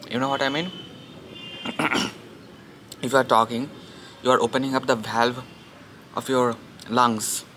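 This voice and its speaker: An Indian Bengali man vlogs while eating outdoors in a public spot, chatting to viewers with rambling asides and repeating himself. His medium-pitched voice sounds pushed and bright, with a little hiss or hum on the audio.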